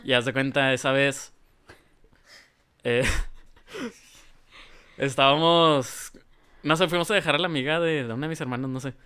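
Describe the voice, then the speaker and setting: A man with a Mexican accent, a guest on a chat show, telling a story in a relaxed way with many fillers. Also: medium pitch, measured pace, long pauses, smooth. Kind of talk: casual storytelling.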